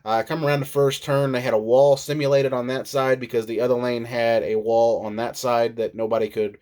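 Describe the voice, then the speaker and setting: Male vlogger with a head cold, nasal tone, mid-pitched, chatty and self-deprecating, casual recap. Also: flat delivery, brisk, a little mellow. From Illinois. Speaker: RC monster truck vlogger. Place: indoors at home.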